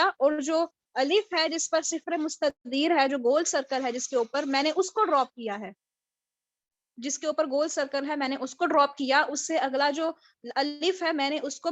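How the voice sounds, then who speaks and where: A woman's voice: high-pitched, fairly bright tone, no echo. A woman teaching a live online recitation class, explaining step by step and answering her own questions. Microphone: video call. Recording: dull lo-fi video call audio.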